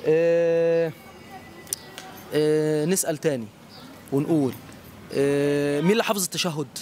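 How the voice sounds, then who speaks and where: An Egyptian man hosting a street quiz outdoors, encouraging and quick to praise each answer. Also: fairly high pitch, fairly even intonation, warm tone, faint music behind. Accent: Egyptian Arabic. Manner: encouraging, repeats praise often.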